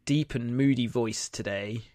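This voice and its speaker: Male podcast host, nasal and stuffed up with a cold, mid-pitched, casual news chat, dry sound. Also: measured pace, a little mellow, dry recording. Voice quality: nasal, congested. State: bunged up with a cold.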